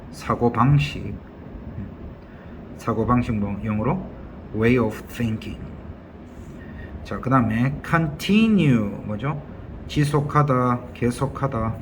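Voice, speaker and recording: Male teacher, slow patient vocab drill, faint background hiss. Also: medium pitch. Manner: slow, drawn-out word-by-word drilling with frequent checking questions. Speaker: English teacher.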